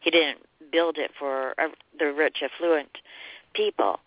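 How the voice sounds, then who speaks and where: A woman's voice: low voice, steady tone, a little slow, dry recording. Woman caller on a dry phone line. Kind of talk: casual chat. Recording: dry narrow telephone line.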